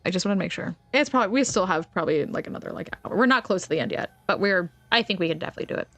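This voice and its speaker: A woman's voice: mid-range voice, lively intonation, racing, a bit bright, dry recording. A young woman streaming a game, chatting playfully and reading the dialogue aloud. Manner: chatty, playful, reads dialogue with small voices. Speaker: VTuber streamer.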